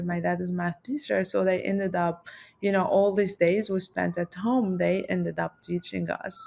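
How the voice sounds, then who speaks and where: A middle-aged woman from Lebanon, a math professor, speaks reflectively as a guest in a casual interview, using many fillers and restarts. Her voice is mid-range and creaky.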